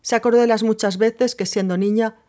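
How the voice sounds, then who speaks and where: A woman narrating a novel in a measured, steady reading voice. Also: fairly high pitch. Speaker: audiobook narrator.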